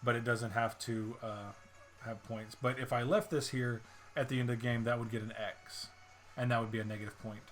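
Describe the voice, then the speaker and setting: A man's voice: medium pitch, steady tone, brisk. A man co-hosting a board game stream, chatting casually with joking, self-mocking asides. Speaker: co-host of a board game play-along stream.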